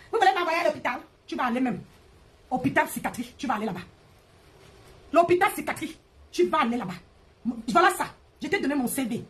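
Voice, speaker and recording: Woman, high-pitched, live stream host, heated rant, mocking, repetitive. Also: a bit bright.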